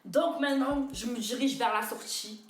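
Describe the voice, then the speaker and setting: A young woman vlogger telling a story in a chatty, slangy way, bursting into loud, indignant quotes. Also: a little high, moderate pace, roomy sound, slight background noise. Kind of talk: casual storytime to camera.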